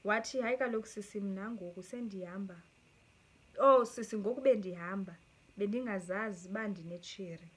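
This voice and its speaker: Her voice sits at medium pitch, slightly rough and fairly quick, as this young South African YouTuber reads viewer stories and reacts with lots of laughter. She speaks with a South African accent, stays animated, and blends English with Xhosa.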